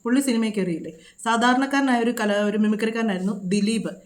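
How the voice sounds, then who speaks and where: Brief: woman vlogger, scolding reaction commentary, rapid-fire, pitched a bit high. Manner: scolding, indignant, rapid rhetorical questions.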